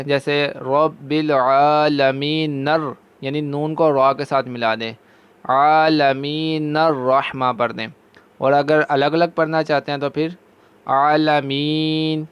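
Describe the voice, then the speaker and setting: A man with a Pakistani Urdu accent teaching Quran recitation, chanting verses slowly and drawn out between brisk explanations. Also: on the high side, clean tone. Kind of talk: recitation lesson.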